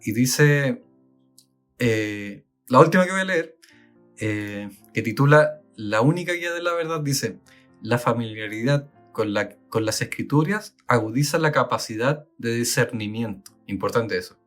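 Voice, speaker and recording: A Chilean man co-hosts a podcast, mixing casual, thoughtful talk filled with fillers with passages he reads aloud. His medium-pitched voice is fairly bright with lively intonation at a measured pace, and faint music plays behind him.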